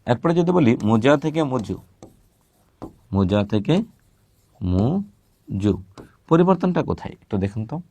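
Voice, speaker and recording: A man teaching a recorded grammar lesson at a middle pitch. He patiently repeats example words slowly and asks questions he answers himself. The sound is dry and close, with no room echo. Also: darkish tone.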